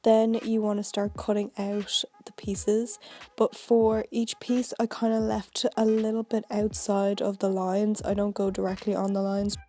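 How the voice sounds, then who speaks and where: A woman's voice: mid-range voice, level tone, measured pace, dark tone, faint music behind. A woman beauty vlogger narrating a tutorial in a casual, chatty, informal way.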